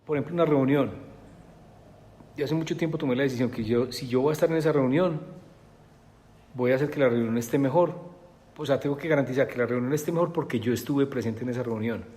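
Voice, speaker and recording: A man's voice: medium pitch, quick pace, long pauses, darkish tone. Rambling man in an echoey room. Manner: rambling, with many filler words. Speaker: guest. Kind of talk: conversational storytelling.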